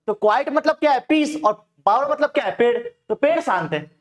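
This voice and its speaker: High-voiced Indian man teaching. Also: lively intonation, brisk. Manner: asks the class questions and answers them himself; calls students "bhaiya". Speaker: English teacher. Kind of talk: Hinglish exam-prep lecture.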